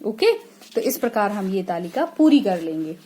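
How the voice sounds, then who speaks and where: A woman's voice: mid-range voice, sing-song, normal speed, dark tone, breathy edge. A woman from India teaching young children a lesson, stretching out sample words and checking in with a frequent "okay?". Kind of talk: classroom lesson explanation.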